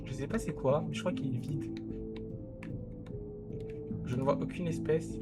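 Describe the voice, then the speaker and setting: A man's voice: on the high side, a little slow, loud music behind the voice. A man casually commenting on a zoo-building game, giving direct advice to the viewer and often correcting himself. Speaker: game content creator reviewing a viewer's zoo.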